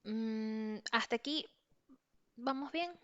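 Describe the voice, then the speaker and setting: A woman's voice: on the high side, slow pace, fairly bright tone, clear, resonant tone, muffled recording. A woman giving an online lecture, explaining ideas step by step with frequent fillers and checking in with her listeners. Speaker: teacher.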